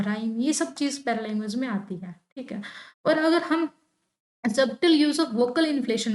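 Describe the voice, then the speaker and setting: A young woman teaching exam questions, stressing key words with a tone that rises and falls. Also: a little high. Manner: expressive, stresses words with rising and falling tone. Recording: echoey room.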